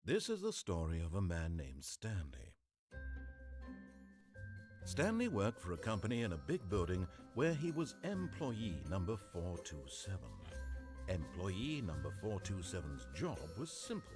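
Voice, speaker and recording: A wry game narrator. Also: male voice, deep voice, huge pitch swings, over music, exaggerated voice. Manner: measured, dry, storybook telling. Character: wry omniscient male storybook narrator. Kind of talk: scripted narration.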